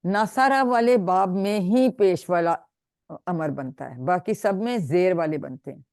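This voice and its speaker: A woman's voice: lowish voice, expressive, a little mellow, dry recording, studio quality. A woman teaching an online Quran grammar class, patiently drilling students and praising them. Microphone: video call.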